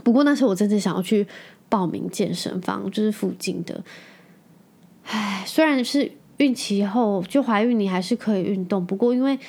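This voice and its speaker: A woman in her thirties talks casually on her own podcast. She tells a family story with animated, chatty energy and playfully acts out the voices of the people she quotes. Her voice sits at an ordinary middle pitch for a woman. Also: moderate pace. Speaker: podcast host. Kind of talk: casual solo chat.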